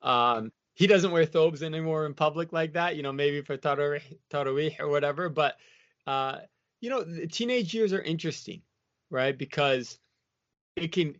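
Here a man from the United States talks with a slightly high, somewhat bright voice at a moderate pace, with no echo. As an interview guest he reflects casually, wandering through his thoughts with plenty of "like" and "you know." The sound is dull, dry and lo-fi.

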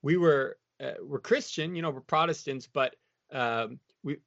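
A gravelly, slightly high, somewhat bright male voice moves at a measured pace in a dry recording. The speaker, an American interview guest, rambles in a loose, reflective, casual way full of "you know" and "like." Audio quality is dull and lo-fi.

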